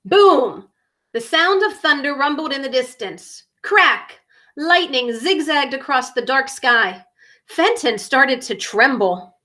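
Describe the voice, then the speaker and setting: Reading a picture book aloud to children, a woman uses a high, lively voice. She goes slowly, enunciating deliberately and dramatically, and leans into the sound words.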